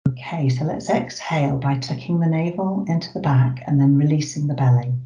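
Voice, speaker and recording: A meditation guide leading a breathing exercise in a soft, slow, soothing voice, with long pauses and moments that sink toward a whisper. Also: mid-range voice. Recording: roomy, slightly dull recording.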